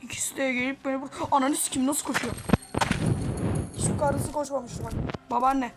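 A young woman giving foul-mouthed, yelling commentary while playing a horror game. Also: sits high, steady tone, moderate pace, over loud music. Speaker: gameplay streamer.

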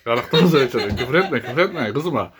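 A man's voice: mid-range voice, animated, fast, a loud crowd. A man vlogging casually from a village house kitchen, chatty and teasing, often breaking into laughs. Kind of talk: casual home vlog chat.

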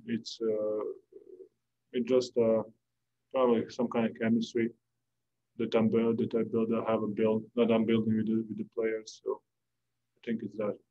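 A young male basketball player answering postgame press questions calmly, searching for words, in a press room. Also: highs cut off. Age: young adult. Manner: calm, low-key, searching for words. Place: press room before a sponsor backdrop.

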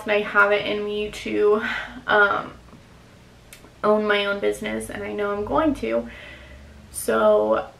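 A woman's voice: medium pitch, vocal fry, fairly bright tone, roomy sound, slight background noise, rough recording. A woman in her twenties talks candidly to the camera in a casual vlog, filling her speech with "like" and "um". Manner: candid, confessional, filler-heavy. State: emotional, near tears. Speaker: vlogger.

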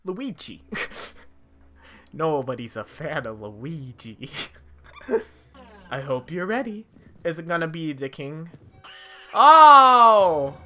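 A woman's voice: sits low, lively intonation, slow, pauses often, faint music behind. Giggly swearing woman gaming. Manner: giggly, swears, reacts loudly. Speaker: game streamer. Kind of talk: let's play commentary.

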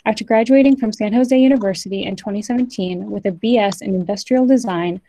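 A young woman moderates an online panel and reads bios in a steady, measured way. Her voice is mellow and dark-toned. The sound is dry and close, as on a video call. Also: mid-range voice, no echo, rough recording. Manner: measured, scripted reading.

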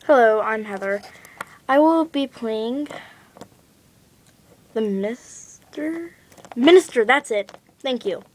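A woman's voice: a little high, animated, takes it slowly, long pauses. A female speaker voicing a doll who plays an adoption agency supervisor, speaking in a put-on accent and apologizing for it. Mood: polite.

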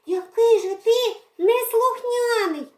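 A woman's voice: very high voice, slow pace, darkish tone, pitched above the performer's own voice. A woman doing a bossy little girl. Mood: doting scolding. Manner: sing-song scolding, strict. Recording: echoey room.

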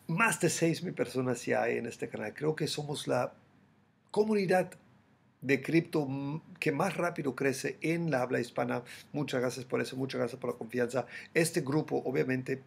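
Gravelly German man giving crypto commentary. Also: medium pitch, normal speed. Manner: animated, gestures a lot, chatty with the viewer. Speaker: crypto YouTuber. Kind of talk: daily market commentary. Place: hotel room, indoors.

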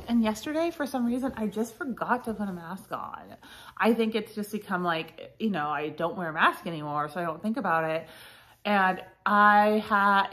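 Woman reseller, thirties, slightly low voice, stuffy nose; casual, chatty haul vlog delivery. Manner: chatty, frequent fillers, lively asides. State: congested, sniffly. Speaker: reseller vlogger.

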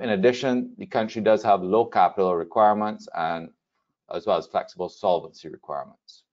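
Man from Barbados, very low voice, steady explainer, dull call audio. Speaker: panelist. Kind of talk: webinar panel talk. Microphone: video call.

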